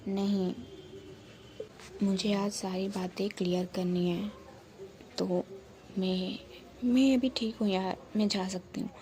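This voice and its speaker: Woman voicing a stubborn college girl, mellow low-key voice, brushes off worry. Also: fairly even intonation, slow, long pauses, close to an everyday voice. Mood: insistent. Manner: insistent, brushes off concern. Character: young female college student, stubborn.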